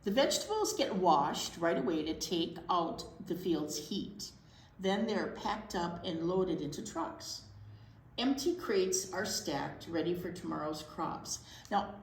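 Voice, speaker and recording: At library storytime, a teacher reads a picture book aloud to children, tossing in casual, chatty asides. Her voice is on the low side, animated and unhurried, and the room sounds echoey with faint noise.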